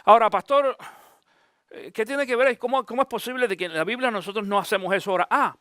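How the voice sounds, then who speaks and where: A man, a pastor, giving an animated Bible teaching, often asking his listeners direct questions. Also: sits high, quick pace, dry recording, studio quality.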